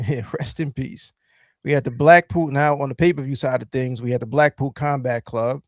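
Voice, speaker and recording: Brief: male podcast host, mid-pitched, loose rambling delivery full of fillers, dry close mic. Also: steady tone, moderate pace, dry recording. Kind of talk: casual chat.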